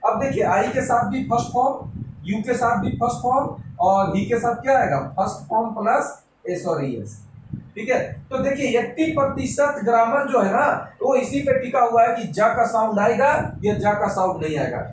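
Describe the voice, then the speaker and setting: A man's voice: very high-pitched, animated. A man teaching English grammar in a classroom-style lecture, repeating rules and checking whether students follow. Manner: repetitive, checks understanding with rhetorical questions; slows down, dictating example sentences. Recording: very echoey room, mic at a distance, noisy.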